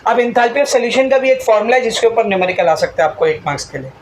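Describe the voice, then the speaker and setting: A man's voice: very high voice, lively intonation, fast, slight background noise, rough recording. A male chemistry teacher giving a classroom lecture, mixing English terms into his talk, calling students "beta" and asking the class questions that he then answers himself. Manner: asks the class questions and answers them himself, call-and-response drilling; addresses students fondly as "beta".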